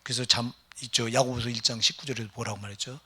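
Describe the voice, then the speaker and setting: A man's voice: medium pitch, steady tone, fast, bright, forceful tone, husky. A middle-aged man, a pastor, preaching a sermon in a conversational way and often putting questions to the congregation. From Gyeonggi Province, Korea.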